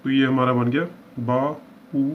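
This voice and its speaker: A man's voice: mid-range voice, little pitch movement, unhurried. A man teaching shorthand, explaining each example step by step and often checking that students follow. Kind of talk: step-by-step lesson. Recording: dull lo-fi with faint hiss.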